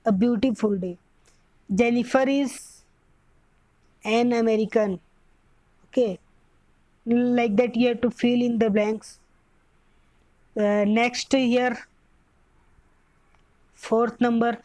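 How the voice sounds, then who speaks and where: A young woman teacher with an Indian English accent, giving a grammar lesson slowly, often repeating and correcting herself. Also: fairly high pitch, fairly even intonation, dark tone, dry recording, rough recording.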